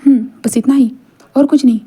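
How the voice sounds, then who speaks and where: A woman's voice: high voice, fairly even intonation, normal speed, dark tone, husky. A woman voicing a middle-aged mother who keeps probing and teasing her son. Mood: prodding.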